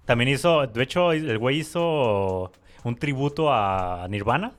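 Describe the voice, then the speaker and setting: This is a Mexican-accented man co-hosting a music podcast, telling stories in loose, relaxed slang. His voice sits at a middle pitch, and faint music plays underneath. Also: measured pace. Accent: Mexican Spanish. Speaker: podcast co-host. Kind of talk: casual chat.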